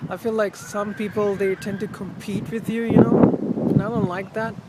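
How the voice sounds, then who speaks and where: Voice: mid-range voice, little pitch movement, normal speed. A vlogger chatting casually and reflectively outdoors with wind on the mic, often trailing off and rephrasing. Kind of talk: casual, rambling personal vlog chat. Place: outdoors in wind, with urban ambience. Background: strong wind noise.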